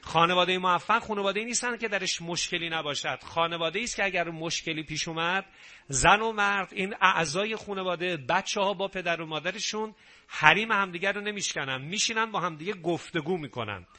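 A middle-aged man preaching a sermon on family life, animated, acting out quarrels between spouses. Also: high voice. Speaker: preacher giving a nightly family talk.

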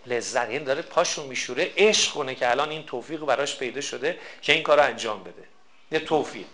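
A man giving a sermon on a prayer text, reciting its lines slowly and swinging between soft passages and loud, emphatic pleas. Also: medium pitch, lively intonation. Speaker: preacher. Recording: roomy echo.

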